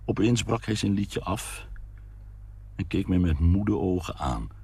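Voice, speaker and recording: A man's voice: sits low, expressive, a little slow, creaky, a little mellow, breathy edge. Diepe, krakende vertellersstem van een man. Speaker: storyteller. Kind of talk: scripted narration.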